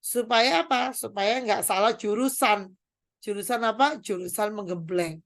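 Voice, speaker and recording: A woman doctor giving a chatty parenting seminar, lively and acting out quoted voices as she explains. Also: medium pitch, a little slow.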